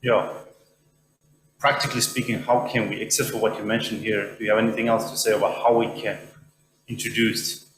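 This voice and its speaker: A man from Sweden in the audience asking a question at an academic lecture, talking haltingly with many restarts. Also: fairly low pitch, level tone, a bit bright. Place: lecture hall. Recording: echoey hall with faint hum.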